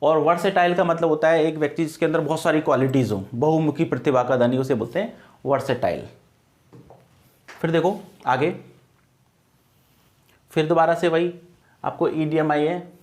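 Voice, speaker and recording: A man's voice: a little high, fairly even intonation, moderate pace, long pauses, a little mellow. A man teaching an English grammar and vocabulary lesson for exam preparation, asking questions and answering them himself to drill key words. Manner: repeats key words as questions to students, explains patiently.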